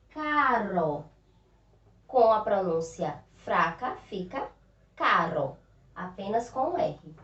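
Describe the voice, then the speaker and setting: A Brazilian woman teaching young schoolchildren, speaking slowly and patiently with a Northeastern Brazilian accent and stretching out words and sounds. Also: medium pitch. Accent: Northeastern Brazilian Portuguese. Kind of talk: recorded remote lesson for young children. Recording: roomy, distant, dull lo-fi sound.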